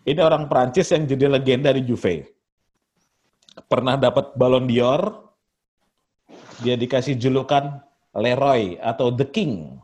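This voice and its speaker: A man's voice: medium pitch, unhurried, pauses often, a little mellow, a little hiss or hum. Joking podcast man. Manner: joking, teasing, quizzes with clues. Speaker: quiz host among podcast friends. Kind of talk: casual podcast chat.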